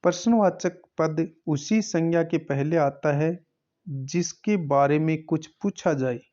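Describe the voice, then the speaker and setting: A man's voice: fairly high pitch, unhurried, mellow, dull audio. A man teaching, working through an exam paper question by question and repeating each answer. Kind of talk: exam paper solving lesson.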